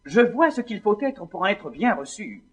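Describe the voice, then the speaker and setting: An actor in a classical French stage comedy plays a vain, scornful young gentleman and declaims with indignation and a vengeful mood. His high-set voice is very animated, at a normal speed.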